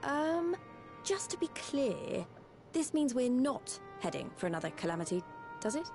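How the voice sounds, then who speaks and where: A friendly, plain-spoken resistance commander in a fantasy game. Her fairly high voice is lively, over clear background music. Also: normal speed, heavily acted. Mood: frank, friendly. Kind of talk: scripted fantasy game acting.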